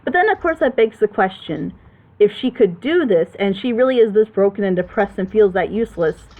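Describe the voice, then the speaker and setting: A woman with a mid-range, animated voice talks a little fast over phone-quality audio. As a panelist on a reaction show, she gives casual, critical commentary on storytelling, emphatic and opinionated, explaining her points at length.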